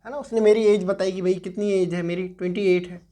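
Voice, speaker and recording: Blending English into his Hindi, a young man in his twenties leads a reasoning lesson for exam preparation, slowly repeating words while writing on the board and tacking on tag questions. His voice is high and mellow with fairly even intonation.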